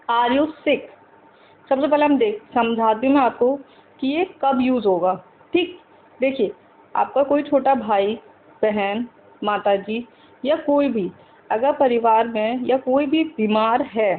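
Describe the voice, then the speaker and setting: A woman teaching English to Hindi speakers. She talks slowly, repeats each example sentence several times and keeps asking the viewers questions. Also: high-pitched, narrow, tinny audio, a little hiss or hum.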